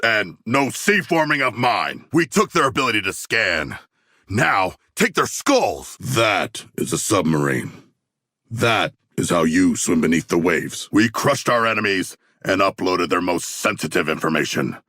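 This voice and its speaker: An actor playing a huge, noble and bloodthirsty shark warrior in a video game, deep and gravelly, with formal, grandiose diction. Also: male voice, very animated, unhurried, bright, forceful tone, no echo, studio quality, exaggerated voice. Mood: resolute, formal.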